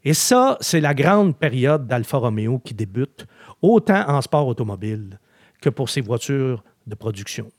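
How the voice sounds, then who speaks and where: A man's voice: mid-range voice, unhurried, dry recording. Male podcast host, chatty storyteller, dry close mic. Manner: chatty storyteller, animated, with frequent filler words. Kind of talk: casual podcast chat.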